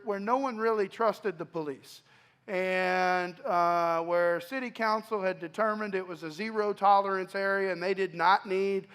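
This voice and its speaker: A man in his forties from East Dallas, Texas, speaking at a church microphone and telling his life story in a halting, reflective way with many restarts. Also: high voice, fairly bright tone, clear, resonant tone. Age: 40s. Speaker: guest speaker sharing his testimony. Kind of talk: personal testimony talk. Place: church sanctuary. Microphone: microphone at a pulpit.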